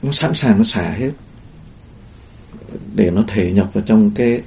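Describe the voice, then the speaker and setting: A man's voice: on the low side, measured pace, gravelly, warm tone. A man giving a Buddhist dharma talk in a rambling way, with many fillers and restarts. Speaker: Buddhist teacher. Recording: dull lo-fi recording.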